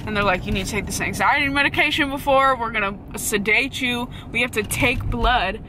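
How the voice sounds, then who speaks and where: A woman's voice: a little high, fairly quick, background noise. A woman in her twenties chatting casually to camera in a blunt, slangy, swear-laden way. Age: 20s. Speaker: vlogger. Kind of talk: casual vlog chat. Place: parked car and a room at home.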